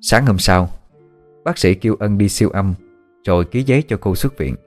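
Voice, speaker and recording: A man narrating a ghost story audiobook in a steady telling. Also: lowish voice, moderate pace, soft background music.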